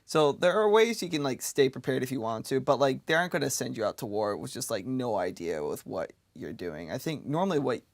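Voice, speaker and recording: Dude in his 20s chatting on the radio, kinda gravelly, dry sound, lots of likes. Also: medium pitch, a little fast, hardly any pauses, no echo. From United States. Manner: relaxed, rambling, many fillers. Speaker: guest. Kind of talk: casual radio chat.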